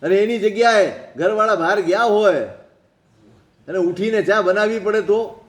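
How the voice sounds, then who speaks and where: High-voiced preacher in an echoey hall. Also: male voice, moderate pace. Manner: storytelling with rhetorical questions. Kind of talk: sermon.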